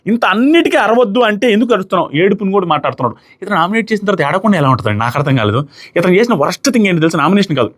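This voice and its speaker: Young guy rattling off a show recap, fast and a bit high, acts out the quotes. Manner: fast animated retelling, acting out quotes. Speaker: reality show reviewer. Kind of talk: casual commentary.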